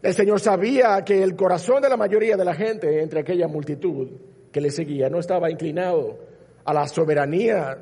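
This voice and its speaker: A man's voice: a little high, mellow, breathy edge. A man preaching a sermon as pastor, building emphasis through repetition. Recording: long hall reverb.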